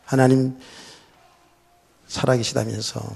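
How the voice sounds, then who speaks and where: A middle-aged man, a pastor, telling a personal story in a sermon, swinging between loud outbursts and soft, low asides. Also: flat delivery, a little slow, vocal fry, husky. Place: church sanctuary.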